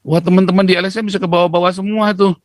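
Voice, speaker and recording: A man's voice: very fast, no room sound. Emphatic man with dry, close sound. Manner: emphatic, lecturing, with animated pitch jumps. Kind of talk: talk-show discussion.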